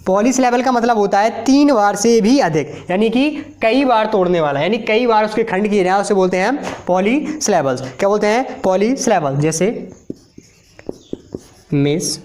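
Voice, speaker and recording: Man teaching slowly, repeating each word. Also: high-pitched, animated, a little mellow. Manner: slow, repetitive, drills words one at a time. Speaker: English teacher. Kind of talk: explaining a lesson while writing on a board.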